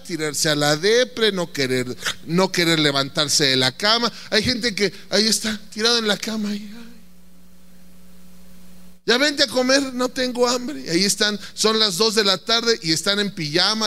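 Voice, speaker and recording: A man preaching with a high, bright voice that swoops animatedly up and down. He is playful and theatrical, and he keeps firing questions at his listeners. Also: smooth. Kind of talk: lively sermon.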